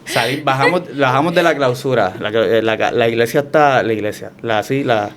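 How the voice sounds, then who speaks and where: A man with a Puerto Rican Spanish accent, telling his story as a guest in a relaxed, reflective way with frequent restarts. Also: medium pitch, moderate pace, crowd noise. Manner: reflective, hesitant with many restarts. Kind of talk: conversational testimony.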